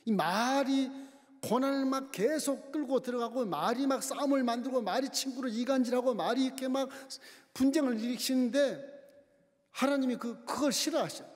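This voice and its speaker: A man's voice: extremely high pitch, normal speed. A man preaching a sermon as pastor, telling the story animatedly and acting out its dialogue. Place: church sanctuary. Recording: long church hall reverb.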